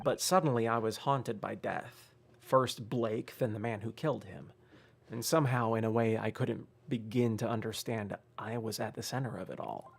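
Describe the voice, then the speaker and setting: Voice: medium pitch, vocal fry, slightly rough. A gamer reading a story game aloud with dramatic narration and casual, grumbling, sweary asides.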